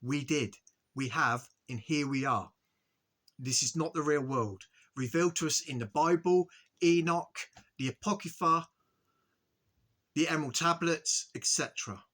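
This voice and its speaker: A man with a bright, slightly high voice delivers an earnest spiritual monologue straight to his viewers. He talks in halting bursts, restarts and stumbles over his words, and keeps checking in with a quick "okay?". The delivery stays solemn and insistent throughout. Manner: earnest, repetitive, frequent "okay?" check-ins. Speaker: spiritual video host.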